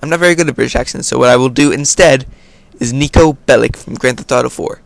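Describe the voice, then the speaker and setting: A man's voice: medium pitch, fast talker, gravelly, dry recording. An American man hosting a casual question-and-answer video, reading viewer questions aloud and then answering in an offhand way. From United States. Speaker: video host. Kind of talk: casual Q&A vlog.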